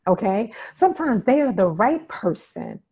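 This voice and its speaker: A woman's voice: on the high side, big pitch swings, moderate pace, mellow, breathy edge. A woman instructor giving an interactive workshop talk, emphatic and repeating key points while often checking in with her listeners. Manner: emphatic, checks in with "okay?" and "right?".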